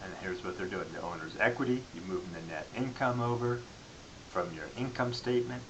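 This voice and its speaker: Low-voiced male lecturer over hiss. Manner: explanatory, with repeated phrases and halting restarts. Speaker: accounting lecturer. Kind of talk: classroom-style lecture. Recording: clearly audible background hiss.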